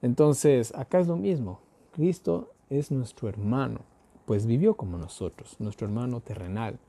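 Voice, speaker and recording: A man's voice: medium pitch, expressive, moderate pace, warm tone. A man with an Ecuadorian accent teaching a daily Bible study, posing rhetorical questions and answering them himself in a folksy way, with everyday examples.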